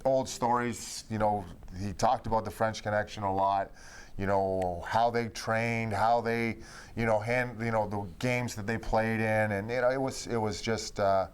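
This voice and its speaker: A man with a lowish, smooth and resonant voice, talking over old times with former teammates. He speaks in a loose, relaxed way, leaning on "you know" as he goes. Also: measured pace. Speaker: former hockey player. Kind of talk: reminiscing conversation.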